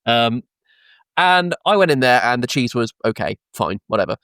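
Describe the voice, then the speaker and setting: A man's voice: mid-range voice, sing-song, moderate pace, fairly bright tone, no room sound, clean studio sound. A young British man co-hosting a podcast, rambling through an anecdote with swearing, laughs and many ums. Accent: British English. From Britain. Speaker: podcast co-host. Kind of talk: casual podcast chat. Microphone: close podcast mic, dry sound.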